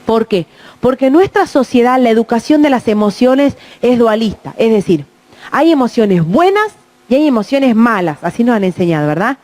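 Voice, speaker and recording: A woman's voice: a little high, lively intonation, normal speed, a little mellow. A middle-aged woman talks to parents about protecting children and keeps checking in with her listeners. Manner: acts out children's and adults' voices in quoted speech; checks in with the audience with "¿mm?". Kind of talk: talk to parents.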